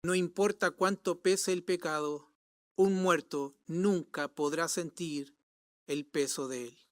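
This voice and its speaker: Male pastor, sermon, emphatic, loud-to-hushed swings, very slow, dry close sound. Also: fairly high pitch, steady tone, no room sound.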